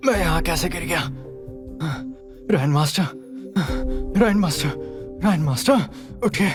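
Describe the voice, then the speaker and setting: A man voicing a frantic servant in a dubbed drama, calling out in alarm. Clear music plays under him. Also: a little high, expressive, unhurried. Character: panicked male servant. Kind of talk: Hindi drama dub.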